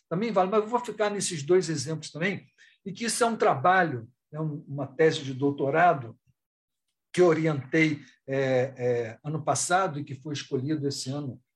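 In an unscripted online live panel, a Brazilian academic who researches and supervises theses speaks in a somewhat high voice. His thoughts wander and come out haltingly, with repeated words, reworded phrases and little tag questions along the way.

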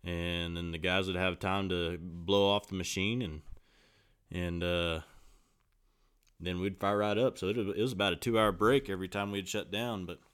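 A man chatting on a podcast in a low-key, rambling way, often correcting himself. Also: fairly even intonation, normal speed, a bit bright, clean tone. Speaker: podcast co-host, cotton farmer. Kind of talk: casual podcast chat. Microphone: studio mic.

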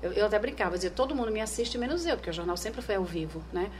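A woman from Brazil with a Northeastern Brazilian accent, a former TV news anchor telling stories in an interview, animated and acting out remembered voices. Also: medium pitch, rapid-fire, slight background noise. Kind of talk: conversational interview.

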